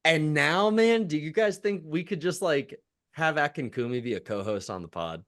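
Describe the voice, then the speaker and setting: A man's voice: on the high side, expressive, moderate pace, a bit bright. A man co-hosting a sports podcast, chatting casually and animatedly about college football recruiting. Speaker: podcast co-host.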